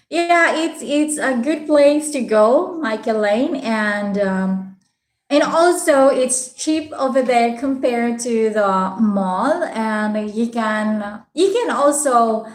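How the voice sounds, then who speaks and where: A woman from the Philippines with a Visayan (Bisaya) accent, chatting casually as a livestream host in a polite, halting way. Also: on the high side. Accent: Filipino, Visayan (Bisaya). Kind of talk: casual live chat, answering viewers' comments. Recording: roomy, echoing room sound.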